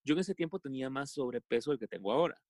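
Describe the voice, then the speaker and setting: A man from El Salvador with a Salvadoran accent, telling a personal story as a podcast guest in a halting way, with many fillers and restarts. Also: medium pitch, expressive, a little mellow, dry recording, clean studio sound. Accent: Salvadoran Spanish.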